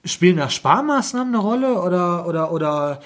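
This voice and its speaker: A man's voice: high voice, a little fast. A man co-hosting a casual podcast chat, telling stories animatedly and acting out both sides of a phone call. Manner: animated storyteller, acts out phone dialogue. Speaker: podcast co-host.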